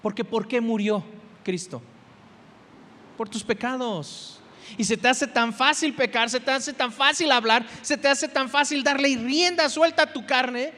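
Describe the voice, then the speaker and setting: Male pastor, Mexican accent, high voice, dramatic sermon delivery, long church reverb. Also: unhurried. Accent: Mexican Spanish. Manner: preaching with sudden swings between shouting and soft intensity.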